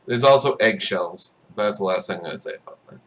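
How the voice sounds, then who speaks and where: A man narrating as dungeon master in a loose, halting way, with frequent ums and uhs. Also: on the low side. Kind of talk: narrating a tabletop game.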